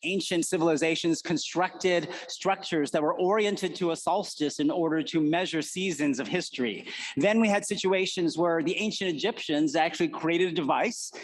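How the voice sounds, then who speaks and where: Man in his forties, high-pitched, earnest conference keynote speaker telling personal stories. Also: normal speed. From United States. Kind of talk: prepared keynote talk.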